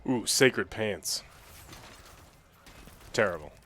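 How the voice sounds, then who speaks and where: A man's voice: fairly low pitch, animated, drawn-out words, a bit bright. Dry, teasing male gamer. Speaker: co-host playing a game on stream. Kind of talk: casual gaming chat.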